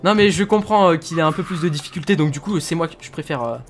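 A gaming YouTuber from France chats casually and laughs often while playing a video game, sprinkling in fillers as he gives commentary. His voice is fairly high and quick, with faint music behind it.

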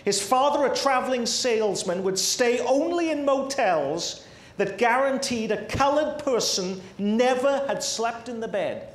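High-voiced male moderator. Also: lively intonation, unhurried. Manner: smooth scripted introductions. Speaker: host, moderator. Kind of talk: moderating a public discussion. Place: library event hall. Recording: echoey hall.

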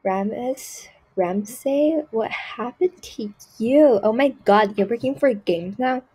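A woman's voice: mid-range voice, a little mellow, slightly rough, exaggerated voice, rough recording. A woman voicing a snobby, spoiled rich girl in a game role-play skit, talking with haughty disgust and lots of "like" and "ew". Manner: haughty, dismissive, full of "like" and "ew". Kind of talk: role-play skit voiced over gameplay.

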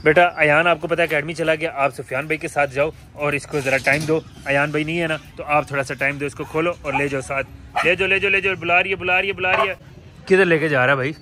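A man's voice: a little high, steady tone, quick pace, background noise. A young man chats playfully as he films his pets at home. He scolds and coaxes the animals in a casual vlog style. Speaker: pet and bird vlogger. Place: home yard with pet cages. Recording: outdoor recording with loud birdsong.

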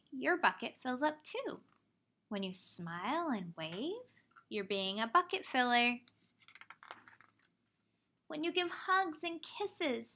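A woman in her thirties reads a children's picture book aloud like a teacher, expressive and pausing to explain things simply for young kids. Her voice is high-pitched, pushed and bright.

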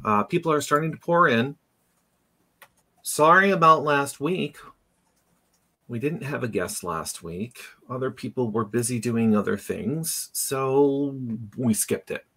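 A man's voice: mid-range voice, expressive, unhurried, pushed and bright. A man hosting a live online show, chatting casually and greeting viewers by name. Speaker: podcast host. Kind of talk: casual live-stream chat.

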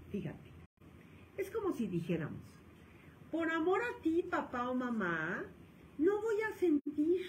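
A woman psychologist with a Mexican accent giving a lecture, animated and acting out the scolding voices of parents. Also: high voice, a little hiss or hum, rough recording.

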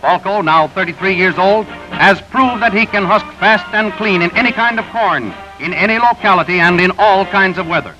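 A high-pitched male narrator reads sports results in a brisk announcer cadence, as on a 1930s newsreel. The sound is dull and lo-fi, with music running clearly underneath. It has the tone of a vintage cinema newsreel. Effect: old 1930s newsreel soundtrack. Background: music bed.

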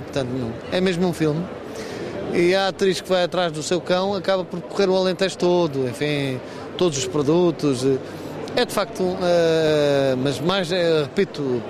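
A man in his fifties, a regional tourism official, giving a news interview at a trade fair stand and earnestly urging people to promote the region. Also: a little high. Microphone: handheld reporter mic. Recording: background noise from fair hall.

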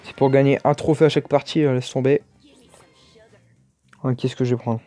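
A man's voice: medium pitch, flat delivery, moderate pace, mellow, faint music behind. A man giving casual, chatty commentary over his own gameplay, exclaiming and muttering to himself as he plays. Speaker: gaming YouTuber.

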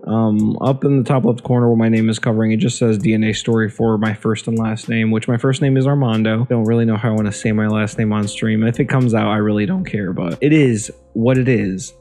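Young guy vlogging at home, lowish voice, chill and rambly, says um a lot, close desk mic. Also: a little fast, hardly any pauses, faint music behind. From Ohio, USA. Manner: chatty, relaxed, repeats himself and says um often. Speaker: YouTube vlogger. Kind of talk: casual vlog talk. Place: small room at home in front of a green screen. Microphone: desk microphone near the face.

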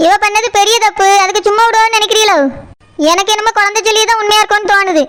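A woman's voice: extremely high pitch, flat delivery, very fast, a bit bright. A woman doing a stern scolding village woman. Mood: indignant. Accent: Tirunelveli Tamil. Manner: indignant, scolding. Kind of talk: cartoon voice acting.

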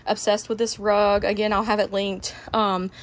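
A woman's voice: medium pitch, little pitch movement, normal speed. A young woman, gushing about her decor in a casual vlog on an outdoor patio, laughing often. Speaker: home decor vlogger.

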